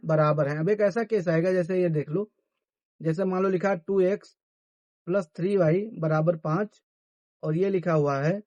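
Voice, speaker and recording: Male math teacher, answers his own questions, pitched high. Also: a little mellow, no room sound, lo-fi sound. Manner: asks questions and answers them himself. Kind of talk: classroom-style math lesson.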